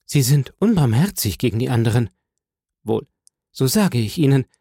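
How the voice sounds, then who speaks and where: A man's voice: mid-range voice, big pitch swings, moderate pace, warm tone, husky, no room sound, studio quality. A man voicing a middle-aged noblewoman who coaxes and implores in a sweet, raised voice. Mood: pleading. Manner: imploring, coaxing.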